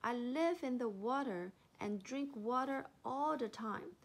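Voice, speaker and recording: A woman's voice: fairly high pitch, a little slow. A woman voicing a confident male hippopotamus in a storybook.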